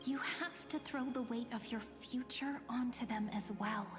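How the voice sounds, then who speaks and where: An actress playing a sweet, playful young woman in an anime-style game, teasing and gentle with theatrical delivery. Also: on the high side, normal speed, lightly acted. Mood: tender, earnest. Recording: long reverb, music over voice.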